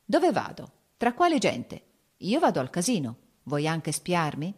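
A woman's voice: on the low side, wildly swooping pitch, unhurried, breathy edge, heavily acted. A woman voicing an irritable, evasive nobleman husband in an audiobook reading. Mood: defensive. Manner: irritable, snapping. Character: curt, evasive nobleman husband, quick to shout.

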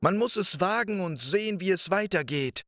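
A man doing a tiny, quick-witted boy with a high voice. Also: expressive, a bit bright, no echo, studio quality. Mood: earnest.

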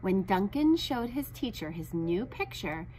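Woman narrator, middle-aged, slow animated storybook reading, faint room noise. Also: mid-range voice, poor audio. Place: indoor school room.

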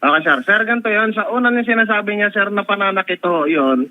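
A man's voice: high voice, fast. A man on a phone call, answering a complaint defensively and calling the host "sir" again and again. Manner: defensive, repeatedly saying "sir". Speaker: husband responding to a complaint. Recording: tinny phone line.

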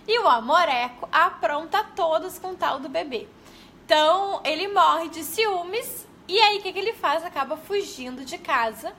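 A woman's voice: high-pitched, pushed and bright, slight background noise. A young woman with a Brazilian Portuguese accent, an early-literacy educator giving chatty tips in a casual live stream. She greets viewers and tags her sentences with questions.

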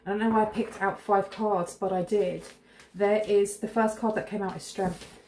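A medium-pitched, darkish voice, steady and moderate in pace, comes from a thirtysomething woman doing a tarot reading to camera at home in her kitchen. Sniffling with a cold, she's chatty, intuitive and rambling, and the recording has echo and faint hiss.

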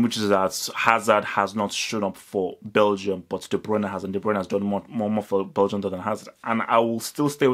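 Young man, football vlog, low pitch, animated, repeating words, close mic. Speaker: football channel host. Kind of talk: direct-to-camera football analysis. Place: indoors, small room with curtains.

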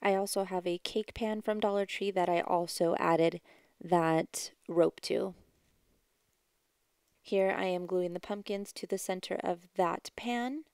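A woman giving a casual, chatty do-it-yourself voice-over as a craft vlogger, with a creaky yet smooth voice. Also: on the low side, unhurried, a little mellow, no room sound, studio quality. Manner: chatty, informal. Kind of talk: casual DIY voice-over narration.

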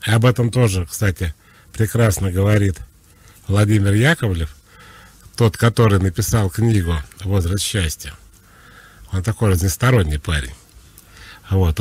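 A man giving psychological advice on a radio call-in show, explaining in a relaxed, conversational way. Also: fairly low pitch, breathy edge.

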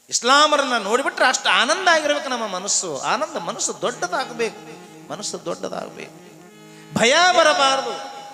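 A man's voice: very high voice, pushed and bright. A man telling a devotional story, dramatic and sing-song, acting out the characters' lines. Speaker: purana storyteller. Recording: long hall reverb with faint music.

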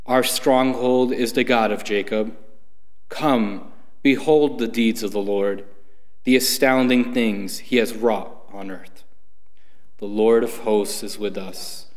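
Middle aged guy reading bible at mass, formal and deliberate, long church echo. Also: lowish voice, steady tone. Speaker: lay reader at Mass. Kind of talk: reading scripture and responsorial psalm aloud. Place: church sanctuary, standing at lectern. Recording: echoing church with long reverb.

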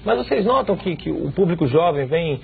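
A man in his thirties interviewing a guest in a TV studio, asking quick, lively questions on a lapel mic. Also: on the high side, vocal fry, breathy edge. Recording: tinny lo-fi broadcast audio.

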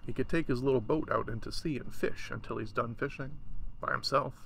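A man reading a short story aloud in a relaxed way, stopping now and then for casual asides. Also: mid-range voice, brisk, gravelly, slight background noise. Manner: relaxed, chatty asides between passages.

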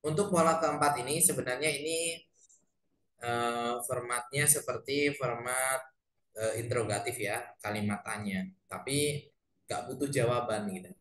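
A man's voice: mid-range voice, measured pace, a bit bright, echoey room, slight background noise, poor audio. A man teaching an online English lesson over a video call. He explains each pattern in English, translates it, and asks his students for questions. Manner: asks learners for questions in a friendly way.

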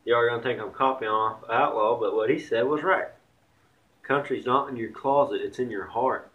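Brief: young vlogger with a light country twang, blunt and rambling, mid-pitched, muffled lo-fi audio. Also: male voice, steady tone, normal speed. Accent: slight Southern country accent. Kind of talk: casual vlog rant.

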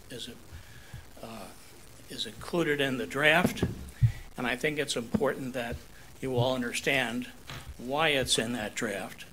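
An older man standing at a podium in a council chamber, earnestly giving a public hearing comment with halting fillers. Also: medium pitch, pushed and bright, slight background noise, low-quality recording. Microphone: podium microphone.

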